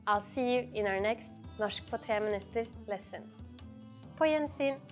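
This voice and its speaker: A woman's voice: mid-range voice, fairly even intonation, music in the background. A woman with a Norwegian accent hosts a scripted language lesson, speaking in an instructional way and enunciating phrases carefully. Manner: clear, instructional enunciation with slowly repeated phrases. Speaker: language teacher and lesson host.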